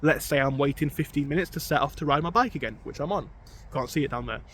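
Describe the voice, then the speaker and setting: A young man with a fairly high voice talks earnestly to the camera, restarting his sentences as he thinks aloud. He is out on a bike ride, and faint outdoor sounds stay under his voice. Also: fast talker, fairly bright tone, a little hiss or hum. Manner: earnest, repeats words while thinking aloud. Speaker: vlogger. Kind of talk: casual talking-to-camera vlog.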